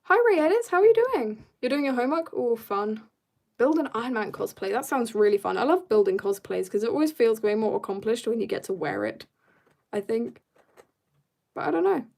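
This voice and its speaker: On her casual drawing livestream, a woman with a voice on the high side reads and answers viewer comments, then murmurs quietly to herself while working. She mentions being tired, yet sounds very animated, speaking fairly quickly with vocal fry.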